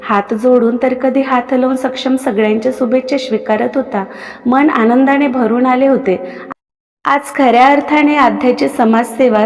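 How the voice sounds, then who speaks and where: A woman narrating a romantic story in a steady, expressive reading voice. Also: fairly high pitch, in a large hall.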